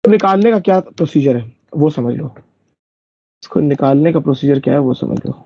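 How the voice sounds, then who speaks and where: A man's voice: fairly high pitch, lively intonation, fairly quick, warm tone, husky, no room sound. A man teaching math in a live online class, explaining step by step and checking whether his students follow. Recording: dull lo-fi dry recording.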